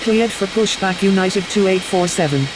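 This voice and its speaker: A woman acts as a businesslike airline pilot over the radio in a flight simulator game. Her calls are procedural, with clear engine-like noise in the background. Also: mid-range voice, moderate pace, lightly acted. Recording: noisy radio with engine-like ambience.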